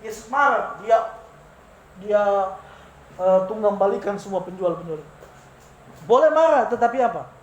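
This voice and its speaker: A preacher giving an animated sermon, asking the congregation questions and answering them. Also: medium pitch, measured pace, pauses often, lo-fi sound, slight background noise. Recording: roomy, echoey room sound.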